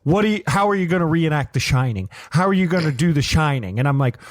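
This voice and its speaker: A man's voice: on the high side, expressive, fast talker, dry recording, natural voice. A man playing a self-absorbed, easily confused movie star who is preparing for a role on a golf course, in an improvised comedy sketch. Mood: rambling. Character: spoiled male movie star amateur golfer in character.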